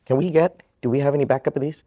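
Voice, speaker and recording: A man's voice: mid-range voice, steady tone, very fast, warm tone, highs cut off. A man from Vietnam who works as a psychiatrist, giving a live question-and-answer talk to students, upbeat and joking, repeating each question back.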